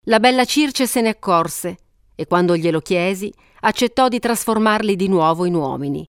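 A woman narrating an epic poem aloud in a measured, steady storytelling voice. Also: medium pitch, clear, resonant tone, no room sound, clean studio sound.

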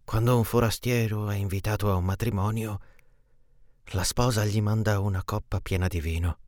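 A man voicing a disguised nobleman come home, grave and courteous, speaking low, hushed and measured. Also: steady tone, no room sound, clean studio sound, lightly acted. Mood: confiding.

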